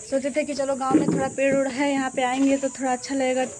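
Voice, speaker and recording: A woman in her thirties from eastern Uttar Pradesh, India, chats casually in a vlog outdoors at a village home, recorded on a phone, with a Bhojpuri-tinged Hindi accent. Her voice sits high and sounds monotone and fast, the audio very noisy, and she keeps repeating "what to say."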